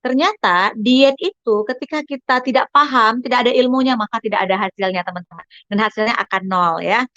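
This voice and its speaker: A chatty woman coach, her voice sitting a little high. She lectures an online diet class and keeps turning to her listeners as friends. The sound is dry and dull, like lo-fi audio. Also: a little fast, hardly any pauses, fairly bright tone, no echo.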